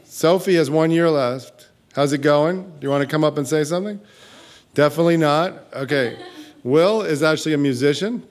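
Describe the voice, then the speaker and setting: A man's voice: on the high side, normal speed. Man host, casual and joking, working a small room. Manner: chatty and joking, hands off to audience members. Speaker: event host. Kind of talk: casual live-event wrap-up.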